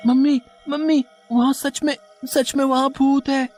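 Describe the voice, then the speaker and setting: A woman voicing a scared, insistent little boy in an animated horror story, pleading and jumpy. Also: medium pitch, moderate pace, soft background music, natural voice. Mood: frightened. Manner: pleading, frightened outbursts.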